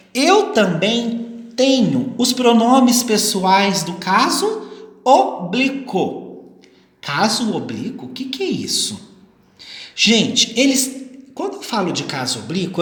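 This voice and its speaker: Slow, patient male teacher in echoey room. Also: high-pitched, a bit bright. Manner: patient, checks in constantly with questions to the class. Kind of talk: recorded grammar lesson. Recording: echoey room with long reverb.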